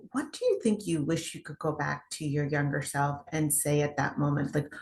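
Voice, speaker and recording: Woman host, low voice, upbeat and persuasive, on a video call. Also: creaky. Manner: upbeat, persuasive, rhetorical questions. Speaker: interview host. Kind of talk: casual interview.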